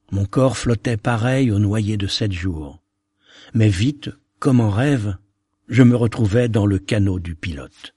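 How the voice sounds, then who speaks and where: A man reading a narrative poem aloud in a solemn, measured way. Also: fairly low pitch, mellow, breathy edge, no echo, clean studio sound.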